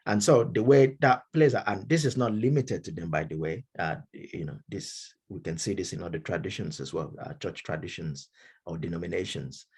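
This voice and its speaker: A middle-aged man with a Nigerian accent, giving a measured academic lecture with frequent fillers and restarts. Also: sits low, a little mellow, slightly rough. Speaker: Baptist minister and speaker.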